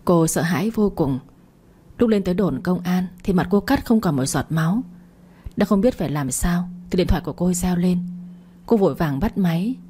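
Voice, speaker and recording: A woman's voice: on the low side, lively intonation, normal speed, mellow, breathy edge. A woman reading a story aloud, narrating and briefly voicing each character herself. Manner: reads every character herself with light voice changes.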